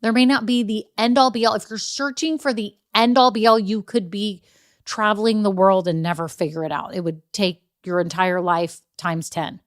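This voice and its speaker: A woman's voice: mid-range voice, steady tone, normal speed, no room sound, clean studio sound. A woman, hosting a casual solo podcast, chatty and encouraging with frequent asides. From Texas. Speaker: podcast host.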